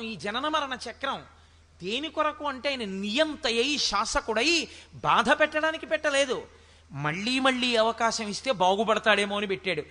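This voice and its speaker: A man's voice: very high voice, sharp tone, long reverb tail. A middle-aged man from India giving an emphatic religious discourse on scripture, asking rhetorical questions and chanting verses. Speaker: spiritual discourse speaker.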